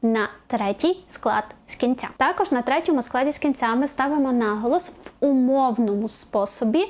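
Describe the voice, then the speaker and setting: Woman language teacher, high-ish voice, clear and methodical explainer, slows on examples. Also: darkish tone. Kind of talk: video lesson explaining stress rules.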